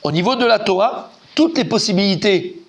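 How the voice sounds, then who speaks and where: A man giving an informal, animated Talmud class, quizzing his students and repeating key points. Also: high-pitched, moderate pace. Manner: lively, animated, asks students questions, repeats himself. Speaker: rabbi teaching Talmud.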